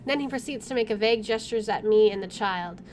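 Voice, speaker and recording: This let's play host has a mid-range, slightly mellow voice and talks fairly quickly, with a bit of hiss or hum on the recording. Reading visual novel narration aloud, she stumbles now and then and drops in asides.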